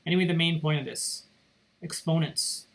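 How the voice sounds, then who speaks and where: A man with a voice on the high side, steady in tone and gravelly, teaches math at a moderate pace while seated at his computer. In this recorded calculator tutorial lecture, he walks students through the steps in a casual, think-aloud way. The computer mic gives poor audio.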